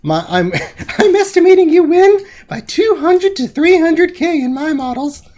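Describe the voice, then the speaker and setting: Lady putting on a squeaky snarky gamer girl, way up high, mocking and swoopy. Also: very animated, unhurried, warm tone, heavily acted. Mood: sarcastic. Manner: sarcastic, mocking.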